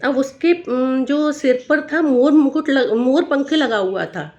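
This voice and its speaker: A woman with a Braj accent tells a devotional folk tale in an easy, spoken way. Her voice sits somewhat high. She repeats her phrases and stops to explain local words. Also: slow pace, a little mellow, highs cut off. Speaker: storyteller.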